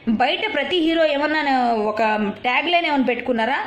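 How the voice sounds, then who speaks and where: A woman video commentator with a high, fairly bright voice delivers an angry, confrontational rant at a rival, talking a little fast. She fires off rhetorical questions and scolds, and the recording has a roomy echo.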